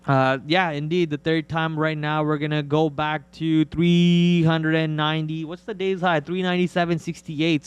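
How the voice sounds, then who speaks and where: A man's voice: a little high, clear, resonant tone. A man hosting a live trading stream, giving casual, slangy market commentary and answering viewer questions informally.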